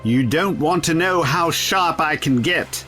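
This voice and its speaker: A man's voice: a little high, measured pace, pushed and bright, soft background music. A man playing a bold, eccentric adventurer in an audio drama, with a flippant, teasing, theatrical manner. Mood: cheeky, defiant. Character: bold, cheeky, eccentric adventurer, a time traveller.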